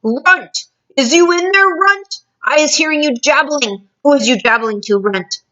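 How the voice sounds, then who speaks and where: A woman voicing a huge bullying male giant who booms and shouts insults in a storybook reading. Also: moderate pace, muffled recording. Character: fifty-foot male giant, bullying and hungry.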